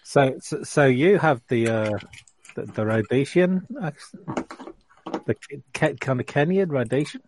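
A man chatting casually as a player in a tabletop game, halting and often repeating his words. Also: mid-range voice, a little mellow, slight background noise. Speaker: tabletop role-playing player. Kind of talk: casual chat.

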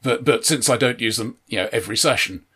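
A man, a tabletop game master, talking in a measured way in a casual chat, often stammering on his first words. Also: medium pitch, pushed and bright, a little hiss or hum.

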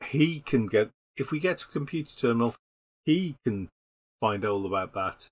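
A man's voice: mid-range voice, expressive, moderate pace, no echo. A man playing a tabletop game, with dry, exasperated sarcasm. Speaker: player.

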